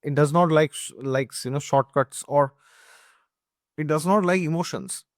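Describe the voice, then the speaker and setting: Emphatic astrology teacher. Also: male voice, fairly high pitch, moderate pace, no room sound, studio quality. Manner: emphatic, repeats points, often asks "okay?". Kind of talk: explanatory talk.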